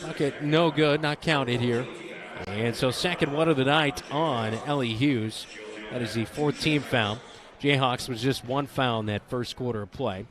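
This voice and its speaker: A man doing play-by-play commentary on a high school basketball game, brisk and excitable, with joking banter. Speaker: play-by-play announcer. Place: high school gym broadcast. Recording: broadcast with loud gym noise behind.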